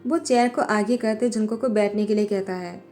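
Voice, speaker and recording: A woman reading a fan fiction story as a voiceover, narrating in a plain, steady way, with faint music behind her. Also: medium pitch, normal speed. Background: faint background music.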